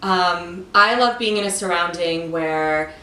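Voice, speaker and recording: Low-voiced woman from Ukraine, distant and echoey. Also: slow, sharp tone. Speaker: guest, TV producer. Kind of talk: casual chat. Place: friend's home.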